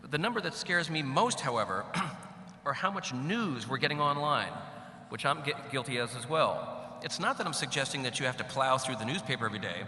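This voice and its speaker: Man, middle-aged, commencement speaker, big hall echo, long reverb, sharp bright voice, wry asides. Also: mid-range voice, animated, brisk. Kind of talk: graduation speech. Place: large hall. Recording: echoey large hall, faint hum.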